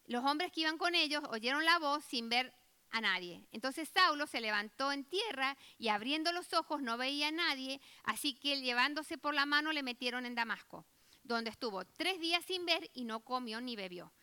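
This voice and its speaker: A woman teaching scripture in an animated, emphatic sermon. Her voice sits high and rings bright. She jumps into the voices of the people she quotes. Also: moderate pace. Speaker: Bible teacher.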